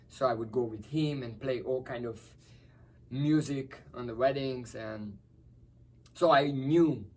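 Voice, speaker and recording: A man's voice: mid-range voice, darkish tone. A middle-aged man from Hungary, a guest musician telling stories cheerfully and laughing often. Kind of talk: conversational interview. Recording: distant from the mic.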